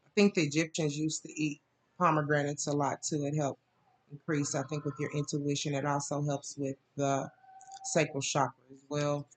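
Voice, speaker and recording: Speaking at a moderate pace with little variation in pitch, a woman gives an easygoing tarot reading. She rambles and uses many fillers, sometimes laughing out loud or doing high-pitched imitations.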